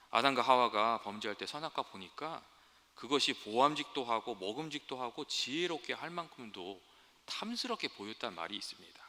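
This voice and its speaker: Male pastor, sermon, earnest storyteller, animated pitch, church hall reverb. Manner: earnest, storytelling, addresses congregation directly.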